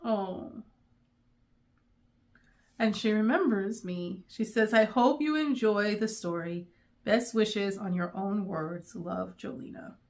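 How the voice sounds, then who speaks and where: A middle-aged woman, chatting in a rambling way with many pauses, going emotional at times. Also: mid-range voice. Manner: emotional, near tears. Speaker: book vlogger. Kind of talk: casual chat.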